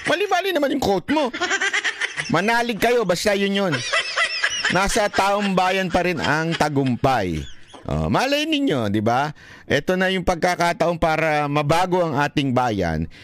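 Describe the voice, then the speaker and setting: Animated Filipino man with lively pitch. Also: unhurried, a little hiss or hum. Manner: animated, laughing often, switching between Tagalog and English. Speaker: political commentary host. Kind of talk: casual political commentary.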